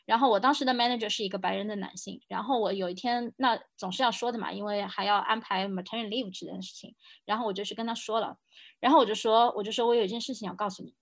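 Brief: fast-talking woman in her 30s, an executive guest on a podcast, earnest and emphatic. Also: medium pitch, fairly even intonation, creaky. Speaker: game industry executive guest. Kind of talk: podcast conversation.

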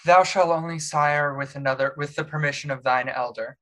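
A man at a tabletop game reciting a vow slowly and formally. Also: fairly high pitch, steady tone, a bit bright. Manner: slow and formal. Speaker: player.

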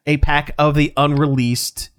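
A man's voice: a little high, little pitch movement, unhurried. A man co-hosting a podcast, talking casually in a rambling way, often restarting his sentences. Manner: rambling, restarts, reads aloud. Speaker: podcast co-host. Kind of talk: casual chat.

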